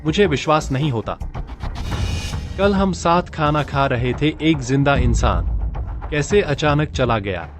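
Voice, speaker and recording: A grieving, scheming husband. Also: male voice, fairly high pitch, expressive, a little slow, long pauses, over music. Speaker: husband grieving his wife. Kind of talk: dubbed drama acting.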